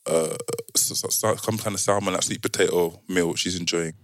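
A man with a London roadman accent hosting a podcast casually, with halting delivery and repeated words. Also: sits low, fairly even intonation, background noise. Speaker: podcast host.

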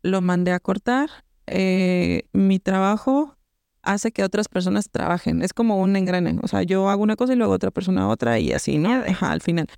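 A Mexican woman co-hosting a podcast, telling a story in casual chat with lots of slang and an animated manner. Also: medium pitch, normal speed, gravelly, clean tone, dry recording, clean studio sound. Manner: animated, slangy, acts out voices in anecdotes. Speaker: podcast co-host.

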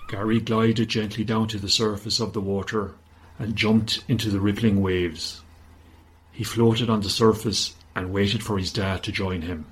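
A man narrating a children's story in a gentle, steady manner. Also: on the low side, a little slow, slightly rough, low-quality recording.

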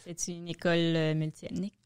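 A Québécois woman with a lowish voice chats as a podcast guest, friendly and quick to agree. Her laughs come easily. The sound is dry and close-miked. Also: flat delivery, darkish tone, smooth, no room sound. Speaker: guest, comedy manager and producer. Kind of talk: casual conversation.

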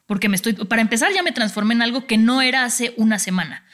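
Fast-talking woman sharing a story. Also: on the high side, fairly bright tone. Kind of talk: casual conversation.

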